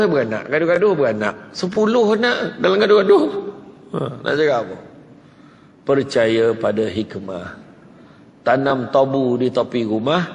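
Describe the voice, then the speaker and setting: A Malaysian man giving a humorous religious lecture in a mosque, chatting with the crowd and teasing them with quick questions. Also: mid-range voice. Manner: chatty, teasing, keeps asking the crowd "right?". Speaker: religious preacher. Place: large mosque hall. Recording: echoey hall with faint noise.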